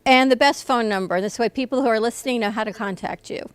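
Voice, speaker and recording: A woman hosting a radio interview, asking questions in a friendly, brisk way. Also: on the high side, smooth, no echo. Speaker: radio host.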